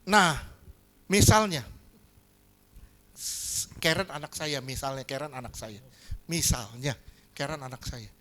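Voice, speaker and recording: A male pastor preaching a lively sermon, often asking the congregation whether they agree. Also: medium pitch, takes it slowly, long pauses, slight background noise. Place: church hall.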